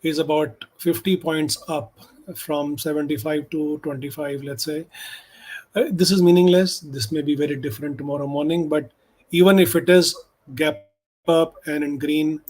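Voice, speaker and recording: With a voice on the high side and a darkish tone, this man talks at a moderate pace with fairly even intonation. He is an Indian-accented stock options trader whose first language is Hindi, offering emphatic market commentary that mixes English and Hindi.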